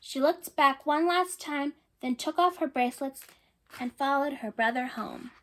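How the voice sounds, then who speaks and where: A woman with a high voice reads a picture book aloud to children at normal speed, pausing to chat and ask her listeners questions. She makes warm, chatty asides to the young audience and often repeats herself, over a little hiss or hum.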